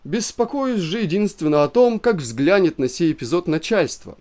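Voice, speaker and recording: A pompous, self-important official, read by a man who talks in calm, measured phrases. He lays down his views with a slightly raised, lively pitch. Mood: pompous, composed.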